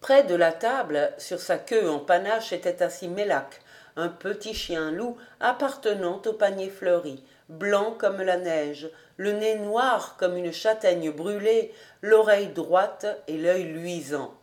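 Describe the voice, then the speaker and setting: A woman reading a classic novel aloud as an audiobook narrator, with an expressive delivery. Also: lowish voice, slow. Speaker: audiobook reader.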